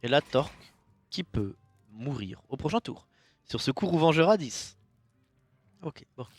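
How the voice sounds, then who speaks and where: A man giving casual, jokey commentary on a card game match, with sudden bursts of loud enthusiasm. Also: on the high side, lively intonation, measured pace, no room sound, soft background music.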